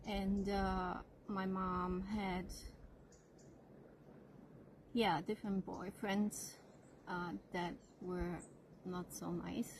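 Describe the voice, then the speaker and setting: Slow soft-spoken woman. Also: mid-range voice, flat delivery, slight background noise, rough recording. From Austria. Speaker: channel host. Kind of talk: personal life story told to camera.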